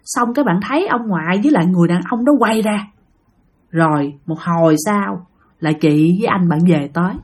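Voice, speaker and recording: A woman's voice: lowish voice, a little fast, darkish tone, breathy edge. A woman telling a ghost story in a chatty way, speaking to her listeners directly. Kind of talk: casual ghost-story narration.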